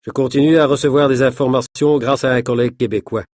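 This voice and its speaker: A man's voice: mid-range voice, steady tone, quick pace, a little mellow, no room sound, clean studio sound, close to an everyday voice. A man voicing a reassuring adult male private investigator in a matter-of-fact way.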